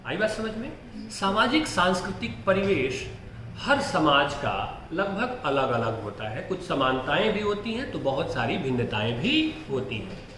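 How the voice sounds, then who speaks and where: A man's voice: fairly high pitch, sing-song, a little slow, a bit bright, echoey room, a little hiss or hum. A man teaching Hindi exam prep, who asks rhetorical questions, answers them himself and keeps checking in with his students.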